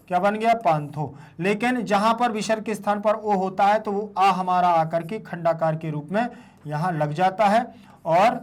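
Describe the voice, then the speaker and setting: This is a classroom explanation from a male teacher whose voice is high and raised. Taking each step patiently, he echoes every question before answering and breaks words apart one syllable at a time.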